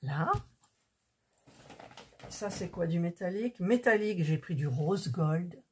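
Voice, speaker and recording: A woman's voice: lowish voice, expressive, takes it slowly, mellow, a little hiss or hum. A woman chatting casually to her viewers while unpacking and trying out things she bought. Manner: chatty, talks to viewers while fiddling with items. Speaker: vlogger showing purchases. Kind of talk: casual haul chat.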